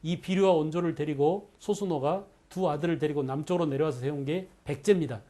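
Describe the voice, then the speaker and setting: A man teaching an exam-prep history lecture, animated, constantly checking in with students through quick questions. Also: on the high side. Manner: animated, asks the class frequent quick questions.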